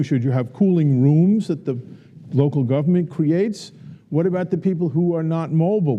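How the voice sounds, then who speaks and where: Male professor, earnest lecture, deep mellow tone, big reverberant hall. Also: lo-fi sound. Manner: earnest, repeats questions for the audience. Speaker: professor giving a symposium talk. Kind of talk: lecture and audience Q&A. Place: university auditorium. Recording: long auditorium reverb.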